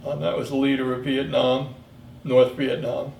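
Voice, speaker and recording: Older male veteran, 70s, gravelly voice, halting and reflective as he remembers his service, recorded off-mic in an echoey room. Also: medium pitch, monotone, a little mellow. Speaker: Vietnam veteran being interviewed. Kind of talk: reminiscing in an interview. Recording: echoey room, distant mic, faint noise.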